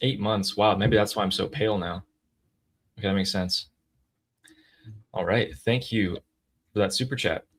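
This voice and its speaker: A man's voice: on the low side, fairly even intonation, moderate pace, long pauses, husky. A man in his twenties hosting a live stream, reading out viewer messages with a dry, teasing tone. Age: 20s. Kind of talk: casual live-stream chat.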